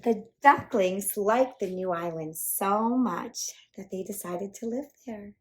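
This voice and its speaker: A woman hosting a children's storytime, reading a picture book aloud with animated, playful emphasis. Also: mid-range voice, takes it slowly, slight background noise. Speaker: children's storytime reader and host.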